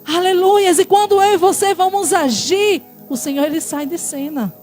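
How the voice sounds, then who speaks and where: A woman pastor with a Brazilian Portuguese accent preaching a sermon, swinging between loud exhortation and quiet asides. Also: very high-pitched, moderate pace, soft background music.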